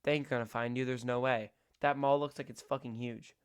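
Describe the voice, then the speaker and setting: A man's voice: mid-range voice, steady tone, fairly quick, background noise. A young man streaming a reaction to a video, casually bantering in slang, swearing and questioning what he sees.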